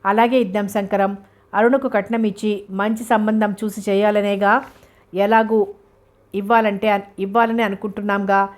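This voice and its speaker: A woman's voice: mid-range voice, level tone, lightly acted. A woman reading as an eager old mother. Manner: hurried and pressing. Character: eager elderly mother arranging her daughter's marriage.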